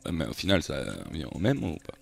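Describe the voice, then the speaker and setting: A young man talks fast in a very deep, gravelly voice while streaming live and reacting to football news. He chats animatedly, keeps turning to his viewers and calling them "guys" in casual live-stream banter. The recording is dry, with faint music in the background.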